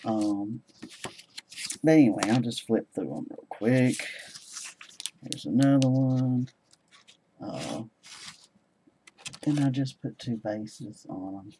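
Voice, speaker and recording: Man, crafting vlogger; unhurried, rambling show-and-tell, warm mid-low voice. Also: animated, slight background noise, poor audio. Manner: rambling, hesitant, many ums. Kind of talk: casual show-and-tell chat.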